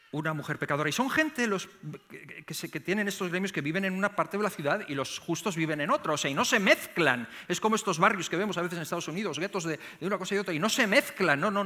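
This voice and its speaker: A middle-aged man with a Spain Spanish accent preaching a sermon in church, animated, often repeating words and rising to emphatic peaks. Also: a little high. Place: church sanctuary.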